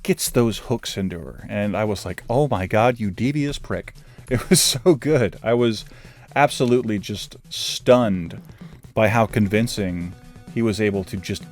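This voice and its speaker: With a low-ish, unhurried voice and faint music behind him, a movie reviewer gives a loose, rambling film review full of fillers. He's self-deprecating and casual, remarking that his voice is normally monotone.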